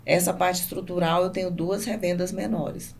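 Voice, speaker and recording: Her voice on the low side and fairly even in intonation, a Brazilian businesswoman talks at a moderate pace as a podcast interview guest. She keeps things conversational yet emphatic, repeating herself for stress, and background noise is noticeable throughout.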